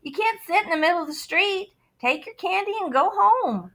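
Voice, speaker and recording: A woman voicing a brusque, bossy policeman in a read-aloud storybook, speaking louder and higher than her narration. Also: lively intonation, normal speed, heavily acted. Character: gruff grown policeman, bossy.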